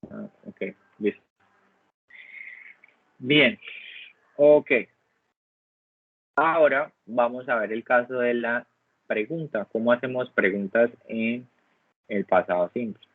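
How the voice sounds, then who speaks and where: A man's voice: mid-range voice, slow pace, pauses often, no room sound. Patient man teaching over a call. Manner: patient, keeps asking "¿listo?". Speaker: English teacher. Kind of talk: online class explanation. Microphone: video call. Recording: dry, phone-like online call audio.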